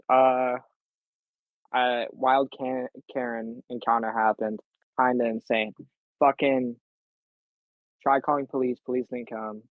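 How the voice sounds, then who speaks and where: A man's voice: mid-range voice, no echo. Profane young man on a tinny line. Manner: crude, profane, rambling storyteller. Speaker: podcast co-host. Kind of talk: casual podcast chat.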